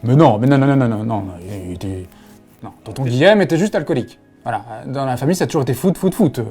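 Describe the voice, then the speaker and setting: A man playing a defensive, bewildered father in a comedy sketch, incredulous and halting. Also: mid-range voice, animated, mellow, soft background music, lightly acted. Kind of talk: deadpan comedy sketch acting.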